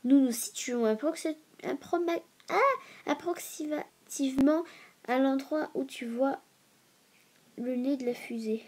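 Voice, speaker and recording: Her voice sits high and mellow, and she takes her time. She has a cold and a stuffy nose as she hosts a casual educational video, reading aloud and tossing in informal asides whenever a long word trips her up.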